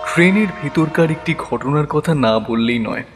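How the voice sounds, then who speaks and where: Brief: male drama narrator, measured delivery, reverberant with faint music. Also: on the high side, animated. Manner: measured storytelling.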